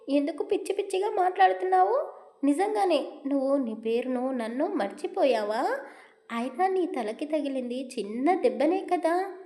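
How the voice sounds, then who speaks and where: A woman's voice: high-pitched, voice pushed up. A woman voicing a young man in a storybook romance, fussing and scolding with teasing jibes.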